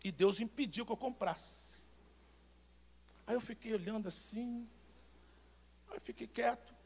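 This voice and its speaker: High, gravelly Brazilian preacher man. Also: unhurried. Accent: Brazilian Portuguese. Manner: animated storytelling preacher, emphatic repetitions. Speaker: pastor. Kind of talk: sermon with personal anecdotes.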